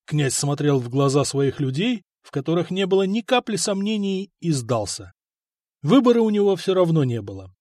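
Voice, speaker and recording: Male audiobook narrator, wry steady delivery, slightly high voice, dry close sound. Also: moderate pace, no echo. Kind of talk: scripted narration.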